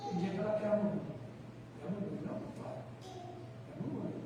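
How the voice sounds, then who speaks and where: A Brazilian man preaching a sermon, telling a personal story in an earnest, animated way with changing volume. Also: sits high, fast talker. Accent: Brazilian Portuguese. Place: church hall. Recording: echoey church hall, mic far off, faint noise.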